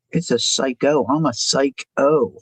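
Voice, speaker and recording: An older woman with a very deep voice hosts a livestream, chatting casually and rambling her way through a story. The recording is dry.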